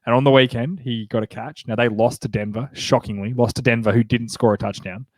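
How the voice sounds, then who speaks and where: This is an Australian man in his thirties hosting an easygoing sports podcast, his mid-range voice blocked up and nasal from a cold. He's upbeat and conversational, dropping in lots of quick asides. The sound is close and dry, carrying no room ambience.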